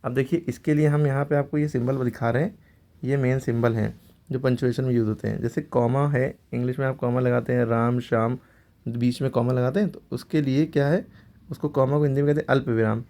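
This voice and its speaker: A man teaching a grammar lesson at a steady mid pitch, with a gravelly, creaky edge to his voice. He explains patiently, repeating points and checking in with his listeners as he goes. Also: fairly quick. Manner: patient, repeats "ठीक है" often.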